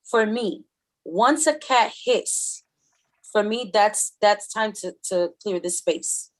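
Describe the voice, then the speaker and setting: A woman's voice: mid-range voice, takes it slowly, no echo. A woman co-hosting a casual spiritual talk show, emphatic and given to repeating her points. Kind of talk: casual chat, live reading session.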